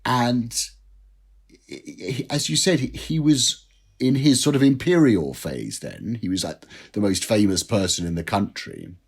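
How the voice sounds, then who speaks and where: A man's voice: lowish voice, lively intonation, unhurried, husky. A man, a drinks writer, telling self-deprecating anecdotes as a guest in an interview. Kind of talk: interview storytelling.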